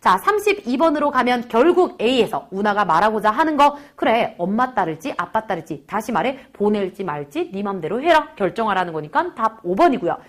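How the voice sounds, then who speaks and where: A woman's voice: a little high, sing-song, moderate pace, hardly any pauses. A woman tutoring Korean literature, retelling a classical story in quoted dialogue and talking straight to her students. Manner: retells the story in quoted dialogue, switching voices for each character; addresses students directly as kids. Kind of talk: lecture on a classical novel.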